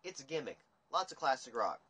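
A man's voice: medium pitch, a little fast, husky. Profane, rambling man ranting on a livestream. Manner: rambling, profane, animated rants. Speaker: livestream host. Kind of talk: casual livestream chat. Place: dim room indoors. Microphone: phone camera at table.

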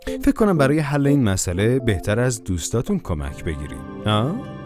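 A man's voice: medium pitch, wildly swooping pitch. A man narrating a children's cartoon, talking to the characters in a playful, coaxing way. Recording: music playing behind the voice.

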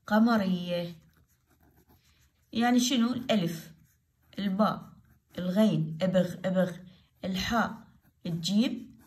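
A woman teacher with an Iraqi Arabic accent, giving a grammar lesson to primary pupils. She goes slowly, repeats each example word and asks questions that she answers herself. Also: mid-range voice.

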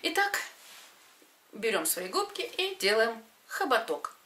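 Bright-voiced woman giving step-by-step instruction. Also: a little high, very animated, a little hiss or hum. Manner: short step-by-step commands with pauses. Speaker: speech exercise instructor. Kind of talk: instructional demonstration to camera. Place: indoors, in front of a padded wall.

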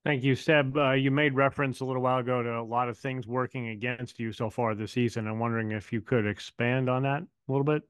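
Crisp, dry-voiced male reporter. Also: medium pitch, flat delivery, quick pace, hardly any pauses, dry recording. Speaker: sports reporter. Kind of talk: press conference questions.

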